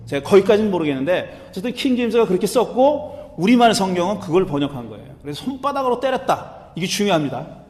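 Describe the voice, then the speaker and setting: A male pastor preaching a sermon in a conversational, animated way, acting out the quotes he reads. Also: sits high, in a large hall.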